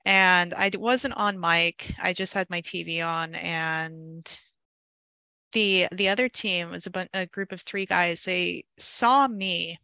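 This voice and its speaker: A young woman casually telling a long gaming story, animated and laughing as she goes, with frequent fillers. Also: on the low side, takes it slowly, vocal fry, smooth, no echo, highs cut off.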